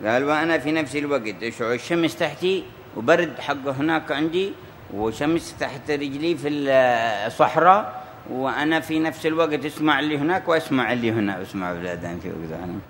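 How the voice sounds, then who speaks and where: A man's voice: medium pitch, fast, fairly bright tone, slight background noise. A man teaching a religious text, telling stories and acting out the quoted voices. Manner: storytelling with quoted voices, rising and falling emphasis. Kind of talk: sermon-style commentary on a classical text. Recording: echoey hall with faint ambience.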